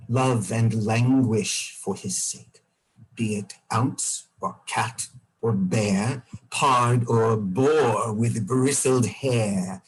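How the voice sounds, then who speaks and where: A man's voice: mid-range voice, a little hiss or hum, lightly acted, poor audio. A man reading the part of Oberon, a commanding fairy king, chanting a charm. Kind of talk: amateur Shakespeare reading.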